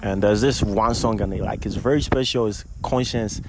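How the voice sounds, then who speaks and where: A man's voice: lowish voice, moderate pace. A young man, interviewing strangers on a campus street in a casual, upbeat way and repeating their answers back. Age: young adult. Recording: outdoor street noise.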